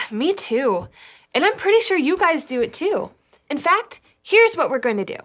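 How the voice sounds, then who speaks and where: A woman with a high voice leads a scripted children's church lesson. She talks to the kids in an upbeat, clear way, keeping every line simple and direct. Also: a bit bright.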